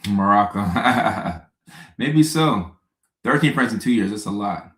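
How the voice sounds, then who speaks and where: A man, hosting a casual live stream and answering viewer questions in a relaxed, chatty way with joking asides. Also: on the low side, takes it slowly, echoey room, low-quality recording.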